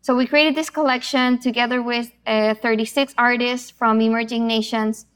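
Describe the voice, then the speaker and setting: Smooth-voiced Chilean-born woman, fairly high. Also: fairly even intonation, moderate pace, a bit bright. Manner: fluent and explanatory, with frequent fillers. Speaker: author and executive producer. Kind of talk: interview answer.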